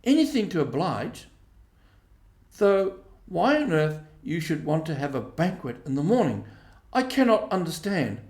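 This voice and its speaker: A man's voice: a little high, big pitch swings, a little slow, a little mellow, roomy sound, voice pushed up. A man voicing a vain, dramatic toad in a storybook reading, with a grandiose, protesting manner. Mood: airily obliging. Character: vain, dramatic, self-important male Toad.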